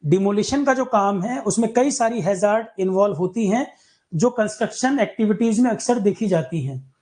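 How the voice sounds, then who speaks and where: A man's voice: high voice, normal speed, darkish tone. A man teaching an exam-prep lecture in Hindi, explaining points through everyday examples and talking directly to his students.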